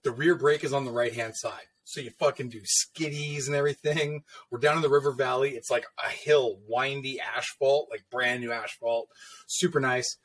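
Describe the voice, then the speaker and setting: A man co-hosting a casual podcast chat, telling stories in an animated way, swearing freely and laughing often. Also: mid-range voice, moderate pace. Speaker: podcast co-host, tattoo artist.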